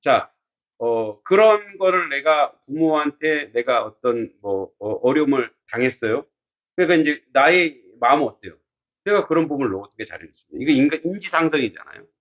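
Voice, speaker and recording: A male pastor teaching a classics class in a casual, animated way, asking his students many rhetorical questions. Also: medium pitch, normal speed, narrow, tinny audio.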